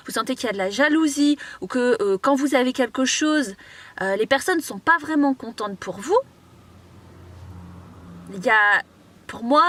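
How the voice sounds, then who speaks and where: A woman's voice: fairly high pitch, sharp tone. A young woman from Mauritius giving casual life advice to camera from inside a parked car, chatty, with many fillers and restarts. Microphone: camera on a tripod.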